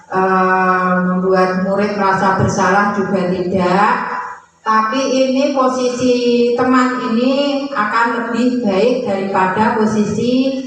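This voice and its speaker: This teacher speaks in a mid-range voice, explaining things to her colleagues and performing both stern and friendly teacher lines. The mic is distant, the room very echoey, and faint noise sits underneath.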